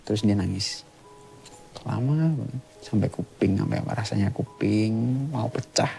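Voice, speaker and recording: Gravelly low-voiced man telling a ghost story. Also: warm tone, faint music behind, poor audio. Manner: halting, plain delivery with short clipped sentences. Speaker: guest storyteller, author. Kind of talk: casual spoken retelling of a ghost story.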